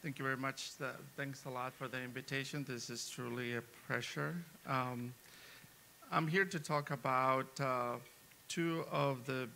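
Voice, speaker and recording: A man's voice: mid-range voice, gravelly, bright, forceful tone, slight background noise. A man, an economics professor, giving a conference talk off the cuff, with frequent "uh" and "um" fillers. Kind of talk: conference presentation.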